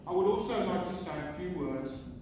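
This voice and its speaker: High-voiced father giving a very echoey wedding speech. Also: expressive, brisk. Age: middle-aged. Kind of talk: wedding speech and toast, read out in short phrases. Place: large reception hall. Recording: very echoey noisy hall, far from mic.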